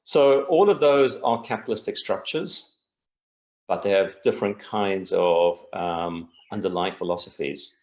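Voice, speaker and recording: A man's voice: sits low, measured pace, a little mellow, muffled recording. A middle-aged man from Tanzania, a guest speaking in an earnest, reflective and meandering way in a casual interview over a video call.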